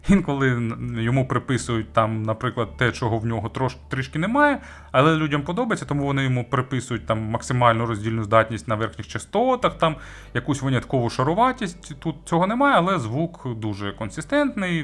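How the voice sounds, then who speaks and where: In his mid-range, slightly bright voice, the host of an audio gear review chats informally, offering casual, semi-scripted commentary on the product.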